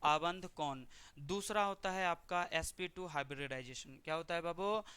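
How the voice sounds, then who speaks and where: Bright, clear man teaching chemistry. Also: on the high side, normal speed, no room sound. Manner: asks students questions and answers them himself. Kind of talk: exam-prep lesson.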